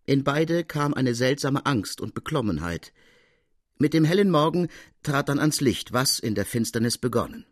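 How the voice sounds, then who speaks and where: A man reading a classic literary tale aloud in a measured, expressive storytelling voice. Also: mid-range voice, no echo, clean studio sound. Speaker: reader.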